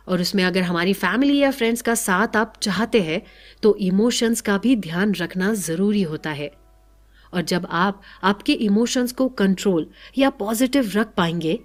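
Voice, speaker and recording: A woman giving a calm, measured, motivational book-summary narration. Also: medium pitch. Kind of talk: scripted narration.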